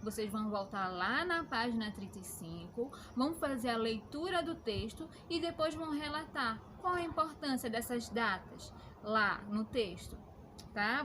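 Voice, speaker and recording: A woman's voice: a little high, background noise. A woman teaching a lesson to children, explaining patiently and checking in with them often. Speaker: schoolteacher.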